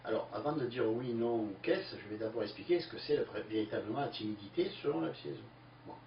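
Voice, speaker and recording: A man answering listener questions in a lively, emphatic explanatory talk full of fillers. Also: mid-range voice, quick pace. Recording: distant, echoey, dull lo-fi with faint hiss.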